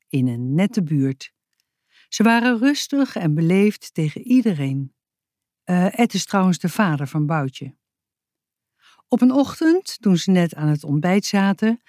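Slow, expressive woman reading a children's story. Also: on the low side, no room sound, clean studio sound. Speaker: author and reader.

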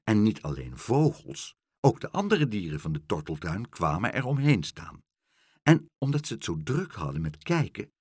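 A man reading a children's story aloud, slow and expressive, recorded close and dry. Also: fairly low pitch, husky, no room sound.

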